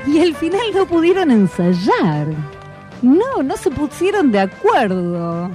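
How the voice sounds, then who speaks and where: A woman's voice: sits high, big pitch swings, takes it slowly, dark tone, faint music behind. A woman hosting a radio show, chatting casually with children and often checking in with short questions. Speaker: radio host. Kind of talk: casual interview with schoolchildren.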